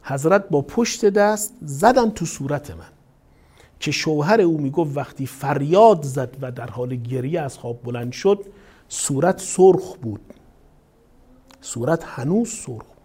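A man's voice: fairly high pitch, slightly rough. A male cleric delivering a sermon, telling a dream story and acting out the people in it. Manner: animated storytelling, voicing quoted people. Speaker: caravan cleric.

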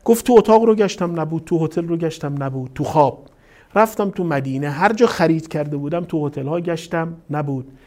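A male cleric delivering a sermon, telling a dream story and acting out the people in it. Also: a little high. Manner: animated storytelling, voicing quoted people. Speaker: caravan cleric.

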